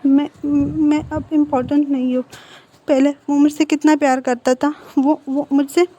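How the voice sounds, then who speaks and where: A woman's voice: sits high, fairly even intonation, moderate pace, dark tone, lightly acted. A woman voicing a clingy, easily hurt young man who complains plaintively in a storybook retelling. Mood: hurt, tearful.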